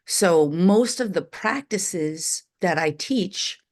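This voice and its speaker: A woman's voice: on the low side, lively intonation, slow. A middle-aged woman from New York, a spiritual teacher telling her life story candidly and with animation in an interview.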